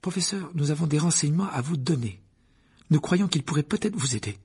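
A man's voice: fairly high pitch, lively intonation, brisk, darkish tone, breathy edge, voice pushed up, full character voice. A man voicing an earnest, indignant schoolboy wizard, urgent and accusing.

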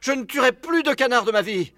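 A man acts out a scared storybook father who pleads and babbles promises. His voice runs high and bright and jumps around constantly. It is recorded dry and close. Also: animated, a little fast, no room sound, heavily acted. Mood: frantic. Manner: frantic, pleading, promising in a rush. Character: frightened pleading male hunter, middle-aged father. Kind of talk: audiobook character reading.

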